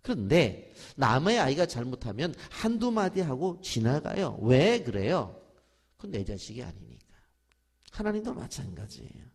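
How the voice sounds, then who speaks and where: A middle-aged pastor delivers a dawn prayer sermon in a husky, medium-pitched voice with vocal fry, very animated but at a moderate pace. He uses call-and-response, getting the congregation to repeat after him, and acts out the quoted voices of children and parents.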